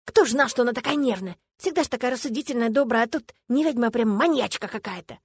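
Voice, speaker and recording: A woman's voice: a little high, expressive, fast, breathy edge, dry recording. A woman voicing a cheeky young male student prankster who makes wheedling excuses in an audiobook. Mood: excusing.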